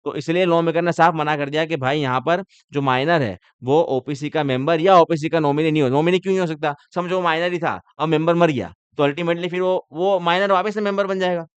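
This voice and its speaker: A man's voice: fairly high pitch, fairly quick, hardly any pauses, clear, resonant tone, no room sound. A man teaching company law in a joking lecture style, teasing the class and firing off rhetorical questions.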